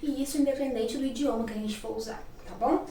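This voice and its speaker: A high-pitched Brazilian woman teaches a relaxed grammar class in a chatty way, tagging her sentences with quick checks to her students. Her voice comes from a little way off the mic. The room is echoey, with faint noise behind her. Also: far from the mic. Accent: Brazilian Portuguese. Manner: chatty, checks in with frequent tag questions. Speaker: English teacher. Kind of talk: casual classroom-style grammar lesson.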